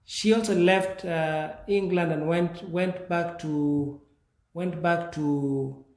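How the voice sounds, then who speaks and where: Man in his forties, from Kenya, interview guest, slightly high voice, measured delivery, echoey room. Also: steady tone, a little mellow. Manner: slow, measured, with pauses and restarts. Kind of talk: telling his life story.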